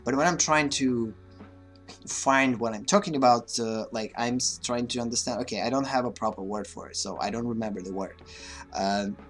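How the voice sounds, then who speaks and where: A livestream host whose first language is Russian talks casually in English with a mixed, slightly Russian accent, his monologue hesitant and full of fillers and restarts. His medium-pitched voice is a bit bright and moves at a normal speed, with soft music in the background.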